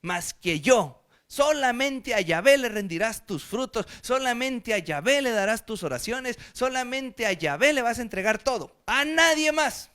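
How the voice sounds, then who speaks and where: A man playing God, slow and commanding. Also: extremely high pitch, animated, smooth, voice pushed up, exaggerated voice. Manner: slow, loud, emphatic proclamation. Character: solemn commanding God giving a strict law.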